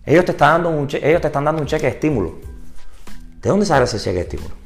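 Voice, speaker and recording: Animated man coaching. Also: racing, faint music behind. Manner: animated, rises high and loud for emphasis, then drops low and quiet; rhetorical questions and asides to the audience. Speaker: real estate business coach. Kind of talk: live seminar talk to agents.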